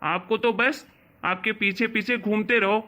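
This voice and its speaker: A woman's voice: mid-range voice, steady tone, unhurried, bright, forceful tone. A woman voicing a rude, stubborn grown son who snaps at his mother in a cartoon story. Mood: irritated. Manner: irritated, dismissive. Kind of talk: cartoon voice acting. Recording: dull lo-fi sound with faint music.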